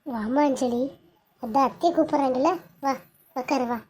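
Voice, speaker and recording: A woman's voice: sits high, moderate pace, darkish tone, close to an everyday voice. A woman voicing the fond, tearful mother of a pregnant bride in a cartoon serial, soothing her daughter. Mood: consoling. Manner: soothing and consoling.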